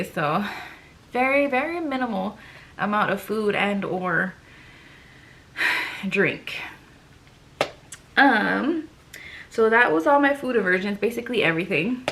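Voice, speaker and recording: Woman, young adult, vlogger, casual chat, breathless, gravelly, sighing, filler words. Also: mid-range voice, a bit bright. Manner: chatty, many fillers and trailing sighs.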